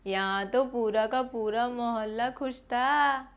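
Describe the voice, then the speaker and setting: A woman's voice: fairly high pitch, slow pace, creaky, clear, resonant tone. A woman voicing a brazen, matter-of-fact older mother-in-law in a spoken joke. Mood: shameless.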